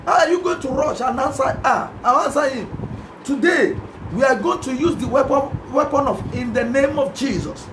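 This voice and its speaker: A Nigerian man preaching a sermon as pastor, fervently chanting repeated prayer lines and often breaking into shouts. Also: very high-pitched, moderate pace. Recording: echoey room with background noise.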